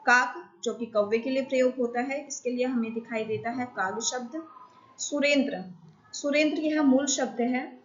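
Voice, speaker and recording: A woman, an assistant professor of Sanskrit, lecturing in a slow, explanatory way with many pauses. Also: a little high. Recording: dull, lo-fi.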